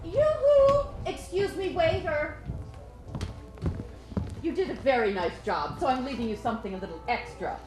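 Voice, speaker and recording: A woman playing a loud, overfriendly American tourist with an American accent. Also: high-pitched, animated, normal speed, long pauses, over music. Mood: gushing.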